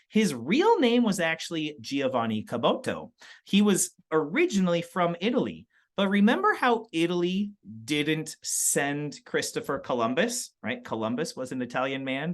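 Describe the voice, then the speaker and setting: A man teaching a history lesson in a chatty, explaining way, often checking in with his listeners. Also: fairly high pitch. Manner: chatty, explaining with asides and "right?".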